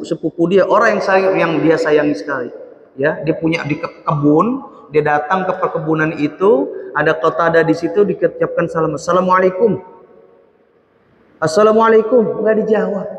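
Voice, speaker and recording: A man preaching to youth in a mosque, telling a story with rhetorical questions and quick self-corrections. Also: high-pitched. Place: mosque hall. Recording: echoey hall, dull lo-fi sound.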